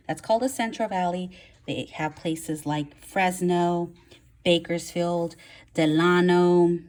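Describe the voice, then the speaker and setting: For her first-grade class, a woman reads aloud and explains things simply, emphasizing the key words. She has a lowish voice that's a little mellow.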